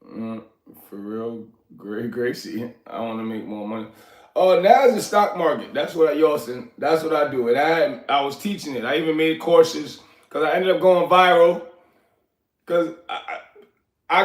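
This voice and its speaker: A man from Liberia in his forties streams live from his apartment at a moderate pace, his voice a touch high and bouncing off the echoey walls. He rambles loosely, addresses chat members by name, and coughs while shaking off a recent illness.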